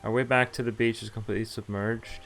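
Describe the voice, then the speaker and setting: A man with a fairly low, slightly bright voice reads visual novel narration and dialogue quickly and flatly, with the game's music playing behind him. He keeps it conversational but sometimes trips over words and fixes them.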